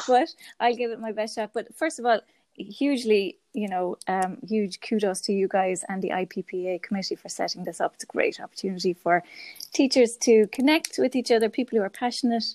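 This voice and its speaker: A primary school teacher from Galway, in the west of Ireland, answers interview questions enthusiastically as a podcast guest. Her medium-pitched voice has a darkish tone and a west of Ireland accent.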